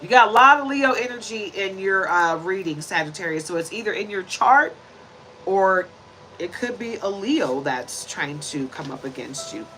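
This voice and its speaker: Soft music plays behind a woman in her forties doing a chatty, preachy tarot reading to camera, shuffling and laying out cards as she talks. Her mid-range voice is pushed and bright with lively intonation at a normal pace, she leans on tag questions, and the audio is poor.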